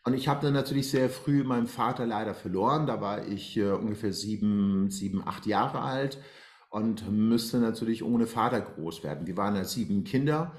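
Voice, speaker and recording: Fairly low in pitch and moving at a moderate pace, this man in his forties from Iran narrates his life story during a video-call interview. He speaks hesitantly with plenty of fillers, and the recording from his bright home room carries a roomy echo.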